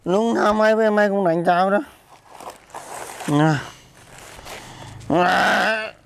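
A man's voice: high-pitched, slow pace, creaky, a little hiss or hum, exaggerated voice. An actor playing a drunk, belligerent husband locked out of his house, slurring and mumbling. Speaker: comic skit actor. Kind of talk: amateur comedy skit acting.

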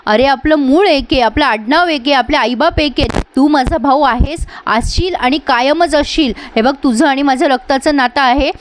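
A woman's voice: high-pitched, normal speed, hardly any pauses, a little hiss or hum, close to an everyday voice. Woman retelling as a pleading estranged sister. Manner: emotional, pleading, reproachful. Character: pleading estranged older sister of middle age.

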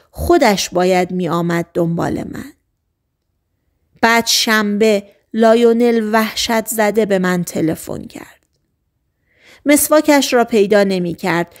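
A woman narrating a novel as an audiobook, in a soft, hushed, often half-whispered voice with slow, deliberate phrasing. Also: medium pitch.

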